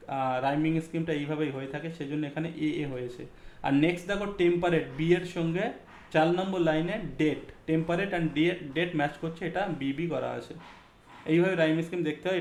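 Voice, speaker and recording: A man teaching an exam-focused poetry lesson, explaining step by step, mixing in English terms and checking that students follow. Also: on the high side. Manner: mixes English terms into speech, frequent fillers. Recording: echoey room.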